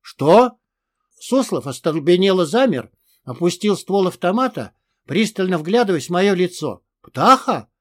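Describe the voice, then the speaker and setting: A man reading a first-person audiobook in a tough, gruff manner. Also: sits high, animated, normal speed, a little mellow. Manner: tough, gruff with crude curses in dialogue. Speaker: audiobook narrator.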